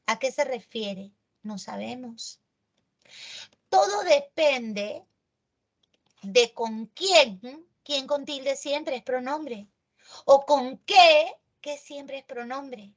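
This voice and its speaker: A woman teaching a grammar lesson. Her voice sits fairly high, and she talks slowly and emphatically, stretching out key words. She keeps checking in with her listeners. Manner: animated, emphatic, checks in with tag questions.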